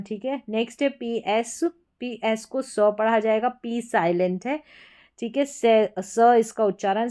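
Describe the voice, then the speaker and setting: A woman teaching English spelling patterns in a spoken lesson. She explains each rule step by step and repeats every example word slowly. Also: mid-range voice, a little mellow, clear, resonant tone.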